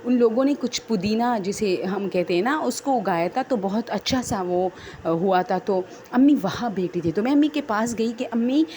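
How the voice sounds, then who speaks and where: A woman's voice: medium pitch, lively intonation, warm tone, slight background noise. A woman telling her own horror story in a rambling, unscripted, conversational way.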